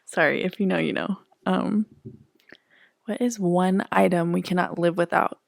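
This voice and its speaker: A young woman co-hosting a podcast in casual chat, talkative, full of "like" and quick laughs. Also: on the low side, fairly even intonation, vocal fry, no echo, studio quality. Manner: chatty, fillers like "like", laughs often. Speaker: podcast co-host.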